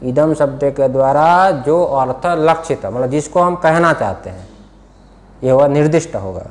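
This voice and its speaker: A man's voice: a little high, expressive, unhurried. A man teaching a scripture class in an Indian accent, questioning his students and repeating key words. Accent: Hindi-speaking Indian. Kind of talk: classroom lesson, explaining a text.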